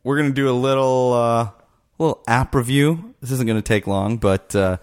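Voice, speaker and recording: A man's voice: mid-range voice, normal speed. A man co-hosting a podcast in casual chat, chatty and joking, laughing often. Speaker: podcast co-host.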